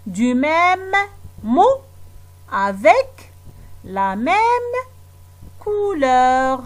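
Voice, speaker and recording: A woman teaching a phonics and syllables lesson to young children, slow and patient, asking questions and praising often. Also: sits high, fairly bright tone.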